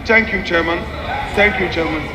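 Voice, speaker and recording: Male parliamentarian, very high bright voice, emphatic and deliberate formal address, echoing hall. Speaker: member of parliament. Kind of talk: formal parliamentary speech, explaining a document point by point. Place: large parliamentary chamber. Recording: echoey hall with long reverb, background noise.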